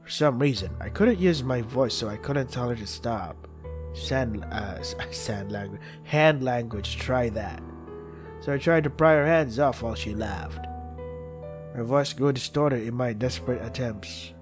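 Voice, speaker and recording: A man's voice: medium pitch, a little slow. A man reading visual novel text aloud for a playthrough, acting out lines and dropping in casual joking asides. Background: game music.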